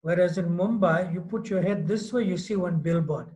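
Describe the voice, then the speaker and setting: A swami in his 50s, nearing sixty, gives a devotional lecture as a class in Mauritius, speaking loosely and conversationally and often saying "you know." His voice is high-pitched and darkish in tone, at normal speed, captured in a low-quality recording.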